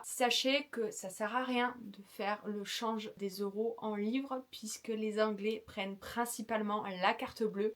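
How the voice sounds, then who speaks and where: A young woman vlogger giving frank, chatty travel advice, full of enthusiasm and small fillers. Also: a little high. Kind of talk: casual vlog advice.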